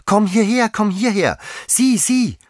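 A man voicing a lively, excitable young girl who calls out eagerly in a bright voice. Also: high-pitched, a little slow, dry recording, studio quality, voice pushed up. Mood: excited calling.

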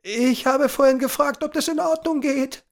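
A man voicing a cheeky young male thief with a high, strained voice that turns to panicked shouts. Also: steady tone, moderate pace, gravelly. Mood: nervous.

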